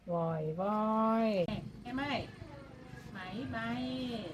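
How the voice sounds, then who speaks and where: An older woman talking as a grandmother, gently giving motherly advice and doting on the family in casual chat. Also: fairly high pitch, extremely slow. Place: rural home, indoors.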